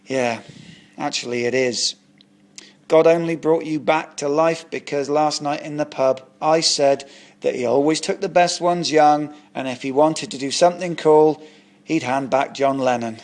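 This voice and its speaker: A man voicing Martin, a blunt, deadpan unemployed Englishman who sells tat online, in a comic audio story. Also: a little high, measured pace.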